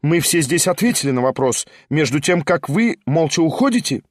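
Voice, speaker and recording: A man voicing a sharp, stern woman hosting a gathering, speaking reproachfully. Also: on the high side, very animated, moderate pace, no echo, clean studio sound.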